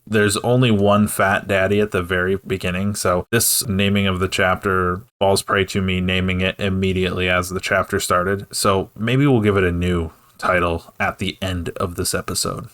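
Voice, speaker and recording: A man in his thirties co-hosting a gaming podcast, joking and animated in casual chat. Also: low voice, normal speed, hardly any pauses. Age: 30s. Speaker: podcast co-host.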